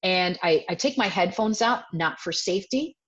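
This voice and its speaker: A woman in her forties, a self-defense teacher, telling a personal story in an interview in an animated way and breaking into voiced quotes of herself. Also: fairly low pitch, moderate pace. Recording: dull lo-fi audio.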